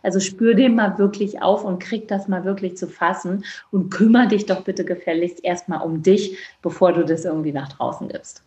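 A woman's voice: lowish voice, steady tone, moderate pace, few pauses, darkish tone, reverberant, lo-fi sound. A woman in her fifties, raised in Georgia, speaking earnestly and thoughtfully as an interview guest. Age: 50s. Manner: earnest, thoughtful, with many restarts. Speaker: midwife. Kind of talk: reflective conversation.

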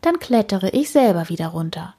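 A woman voicing an impatient, fussy woman in a children's story, with a high, exclaiming voice. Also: big pitch swings, moderate pace, dark tone, slightly rough, exaggerated voice. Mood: fretful.

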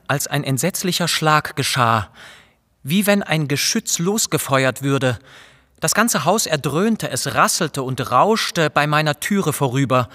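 A male storyteller reads a classic tale aloud in a slow, dramatic, first-person way. His voice sits fairly high for a man. A long reverb surrounds every word, as in a large hall. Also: fairly bright tone. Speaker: reader. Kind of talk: audiobook reading of a classic tale.

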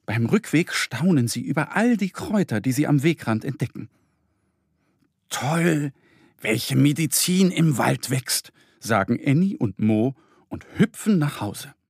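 A man narrating a scripted children's audio story in a gentle storytelling manner. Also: medium pitch, very animated, moderate pace, husky, dry recording, clean studio sound.

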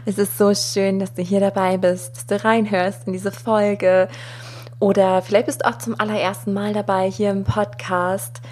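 A woman hosting a podcast, speaking gently and from the heart, straight to the listener. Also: medium pitch, level tone, moderate pace, slight background noise. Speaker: podcast host. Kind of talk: warm solo podcast intro.

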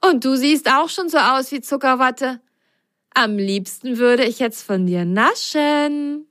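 A woman doing an excited little boy sock. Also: high-pitched, moderate pace, no room sound, clean studio sound, pitched above the performer's own voice. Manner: excited, bubbly. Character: eager excitable young male sock.

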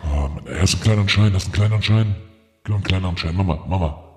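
A man playing a shady young customer who talks in slang, repeats himself and keeps pressing in a hushed, pushy way. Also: low-pitched, racing, big-room sound, faint music behind, close to an everyday voice.

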